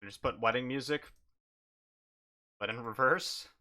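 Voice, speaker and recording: A man's voice: medium pitch, unhurried, pushed and bright. A man narrating and improvising a solo tabletop game, casual and talking to himself with the odd curse. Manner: casual, swears, talks to himself. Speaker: game master and solo player.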